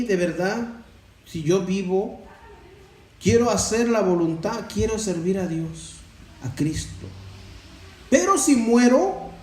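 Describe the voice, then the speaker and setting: A man delivers a sermon-style testimony, preachy and full of rhetorical questions to his brothers. His voice is mellow and a touch high. He sounds far from the mic in an echoey room with faint background ambience. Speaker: church member giving testimony.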